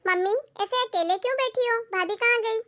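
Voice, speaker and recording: A woman speaking briskly at an extremely high pitch voices a jealous grown daughter in an animated family skit, complaining in a sharp way.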